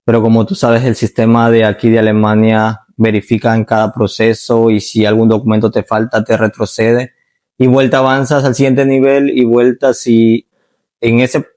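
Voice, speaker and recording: A man in his thirties from Ecuador, a nurse, answering interview questions in a calm, measured way and often ending with "¿no?". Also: mid-range voice. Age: 30s. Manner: calm, measured, frequent "¿no?" tags.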